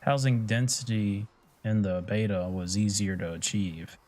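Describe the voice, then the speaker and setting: Laid-back low-voiced man streaming. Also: fairly even intonation, a little slow, background noise. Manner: laid-back, swears casually. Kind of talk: casual chat while streaming a game.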